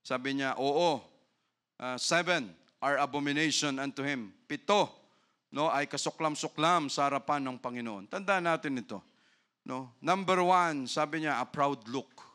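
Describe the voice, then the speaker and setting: Pastor guy preaching, kinda high voice, stretches words out slow, keeps going "no?". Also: sharp tone. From Philippines. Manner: preaching that mixes Tagalog and English, tagging phrases with a questioning "no?"; stretches out key phrases slowly for emphasis. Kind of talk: sermon.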